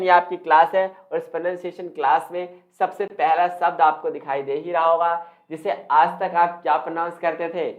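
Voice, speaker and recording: A man teaching English pronunciation in Hindi, repeating words and quizzing the viewer. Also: a little high. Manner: repetitive, quizzing the viewer, stretching words slowly. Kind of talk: Hindi-language spoken English lesson. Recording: tinny phone-like sound, echoey room.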